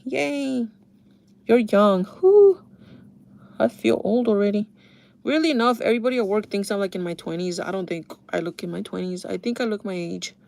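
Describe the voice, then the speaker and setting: A woman's voice: on the high side, gravelly, a little mellow. A woman in her thirties chatting casually to her viewers while doing her makeup, confiding and talking straight to them. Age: 30s. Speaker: beauty vlogger.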